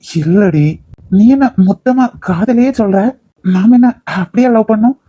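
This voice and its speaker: A protective young husband, voiced by a man, speaks in a cartoon. His tone is mellow and dry, and he stays firm but soothing. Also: high-pitched, measured pace, dry recording, poor audio. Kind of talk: cartoon voice acting.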